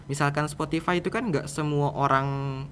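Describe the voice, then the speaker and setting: A student guest in his teens who runs a podcast project talks through interview questions informally and in a roundabout fashion, with a Jakarta Indonesian accent. He speaks at normal speed in a slightly high, steady, fairly bright voice. The audio carries room ambience and clear background noise.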